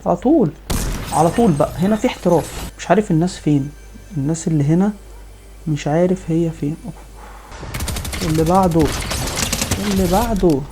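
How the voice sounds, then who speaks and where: A man with an Egyptian Arabic accent giving excited live commentary over his own gameplay, piling up quick repeated exclamations. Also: fairly high pitch, noisy background. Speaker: gaming video host.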